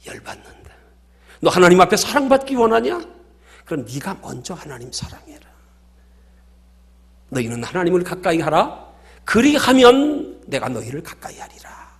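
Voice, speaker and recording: A man voicing God in a sermon story, speaking low, hushed and stern. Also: very animated, normal speed, long pauses. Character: God speaking firmly to a believer, male.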